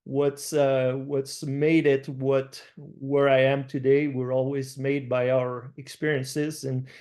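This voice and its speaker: A middle-aged man with a French accent, a farmer giving an online slide presentation over a video call, speaking haltingly with many fillers and restarts. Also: medium pitch, level tone, darkish tone. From France. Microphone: video call webcam.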